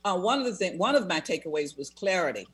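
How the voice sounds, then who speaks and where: A therapist being interviewed, speaking in a measured, reflective way and repeating phrases for emphasis. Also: medium pitch, big pitch swings, fairly bright tone, slightly rough, faint music behind. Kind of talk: conversational interview.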